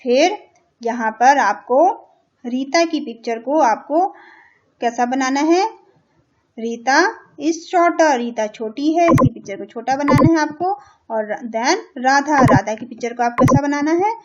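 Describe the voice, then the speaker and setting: A woman's voice: sits high, a little slow, slight background noise. An Indian woman teaching a children's English lesson, patiently translating each line and checking in with "theek hai" as she goes. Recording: dull lo-fi recording.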